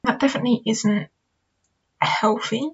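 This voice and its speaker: Young woman host, casual reflective solo talk, slightly high husky voice, muffled recording. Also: steady tone, measured pace. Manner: chatty, candid, reflective, with fillers like "you know" and "kind of". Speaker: podcast host. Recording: dull lo-fi recording.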